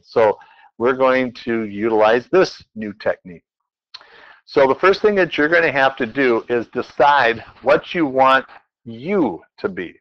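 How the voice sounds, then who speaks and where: In this classroom lecture, a male math teacher talks through worked examples and teases his students with quick questions as he goes. His voice sits in the mid range, and the recording has a dull quality.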